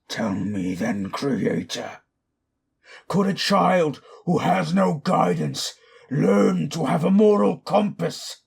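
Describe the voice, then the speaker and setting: A bitter tormented monster in an audio drama, super slow n theatrical, really gravelly growly rasp. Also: male voice, on the high side, very animated, full character voice. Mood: anguished, angry. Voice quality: raspy, gravelly. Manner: slow, deliberate, theatrical, archaic formal diction. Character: Frankenstein's monster, bitter, anguished, wrathful abandoned male creation. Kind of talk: dramatic audio roleplay monologue.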